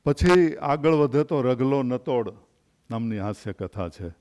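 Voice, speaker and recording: Measured older man telling literary anecdotes. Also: medium pitch, animated, darkish tone, highs cut off. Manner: measured storytelling with pauses. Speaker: invited speaker at a literary event.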